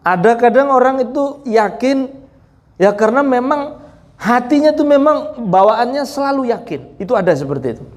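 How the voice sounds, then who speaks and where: A man preaching in a relaxed, storytelling way. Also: very high-pitched, moderate pace. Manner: relaxed, chatty, mixes in laughs. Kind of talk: sermon storytelling.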